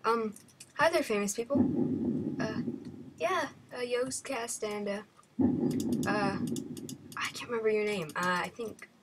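A woman's voice: fairly high pitch, measured pace, pauses often. A woman giving horror game commentary, nervous and jumpy, often dropping into half-whispered asides. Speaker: gamer. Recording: loud background noise.

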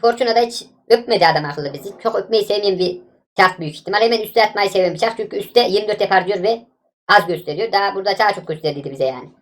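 A woman giving live gameplay commentary as a gaming YouTuber, excitable and exasperated, shouting back at the game. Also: medium pitch, rapid-fire.

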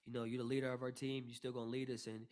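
A young adult basketball player answers questions at a postgame press conference, speaking into a table mic in front of him in a press room with a logo backdrop. His medium-pitched voice races yet stays steady, packed with "you know" fillers and restarts.

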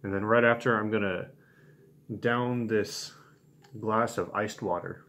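A man in his twenties talks to camera in a casual vlog style. His voice is on the low side and his delivery is very slow and laid-back. He sounds understated, speaking from a room at home. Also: steady tone, a bit bright. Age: 20s. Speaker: challenge video host. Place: small home room indoors.

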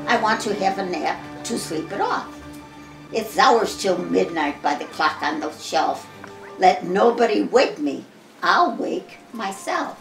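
A woman's voice: animated, measured pace, gravelly. Woman doing a grumpy Santa Claus. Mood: indignant. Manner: booming, stern and complaining. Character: grumpy indignant Santa Claus, old man. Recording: echoey room, far from the mic, music behind.

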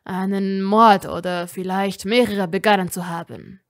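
A woman's voice: medium pitch, steady tone, unhurried, natural voice. A woman reading a scornful hot-headed young man. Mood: angry. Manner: scolding, sneering.

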